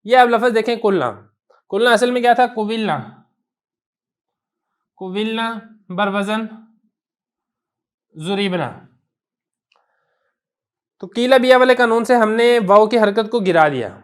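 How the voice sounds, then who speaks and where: A man's voice: high-pitched, a little slow, long pauses, clear, resonant tone. A man with a Pakistani Urdu accent teaching a grammar lesson, patiently spelling out word forms one at a time.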